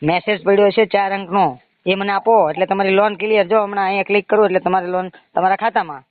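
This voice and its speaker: This recorded phone sales call features a man who says he is a bank loan agent, speaking with a Gujarati accent in a pushy, insistent, repetitive way. His voice sits high with fairly even intonation and a quick pace, with no echo, though the phone line makes it muffled and narrow-band.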